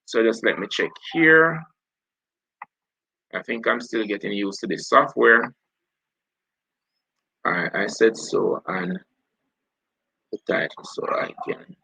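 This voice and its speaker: His voice is medium in pitch, creaky, husky, pushed and bright, captured on a low-quality recording. He's a Jamaican man with a Jamaican accent leading a live online revision session, talking through past papers and correcting himself as he works.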